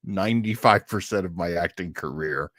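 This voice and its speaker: Talking to his online audience during a relaxed live show, this actor keeps things chatty and playful, frequently laughing softly. He has a deep, slightly bright voice at a moderate pace, recorded without echo.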